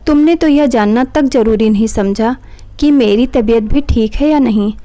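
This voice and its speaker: A woman's voice: fairly high pitch, unhurried, darkish tone, close to an everyday voice. A woman voicing a proud, angry young wife who talks sharply and defiantly.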